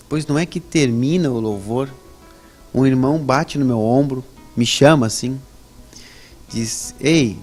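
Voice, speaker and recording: As an interview guest, a man shares his personal religious testimony in a conversational way, ending sentences with "né?" His storytelling is lively, with his pitch climbing on points of emphasis.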